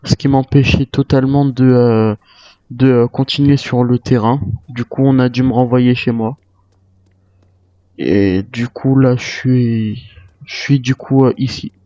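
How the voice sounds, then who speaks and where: A man improvises a survivor's musings in a game, speaking to himself hesitantly as a weary retired soldier. His mid-range voice is dark-toned and unhurried with fairly even intonation, and the recording sounds dull and roomy.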